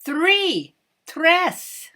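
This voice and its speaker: A woman's voice: extremely high pitch, very animated, drawn-out words. A woman speaking as a kids show host, addressing young children in a sing-song way and getting them to repeat after her. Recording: children's music behind the voice. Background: children's music.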